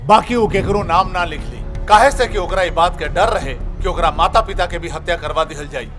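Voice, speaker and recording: A man's voice: sits high, moderate pace, a bit bright. A man acting as a grave, insistent news reporter questioning a minister in a film, with a Bhojpuri accent and formal, pointed delivery. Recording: music behind the voice.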